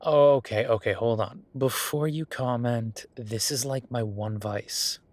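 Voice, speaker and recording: A man plays a friendly, self-deprecating young billionaire in a casual, intimate audio roleplay, rambling informally to the listener and getting playfully defensive. His mid-range voice is unhurried and close to everyday speech, recorded without echo.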